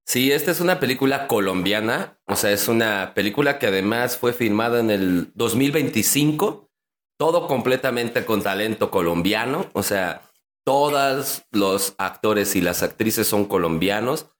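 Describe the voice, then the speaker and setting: A man's voice: on the low side, expressive, moderate pace, fairly bright tone. A man from Iztapalapa with a strong chilango accent, co-hosting a podcast, explaining a film with keen, slangy enthusiasm. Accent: chilango Mexico City Spanish. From Iztapalapa, Mexico City. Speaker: podcast co-host. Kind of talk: casual podcast chat.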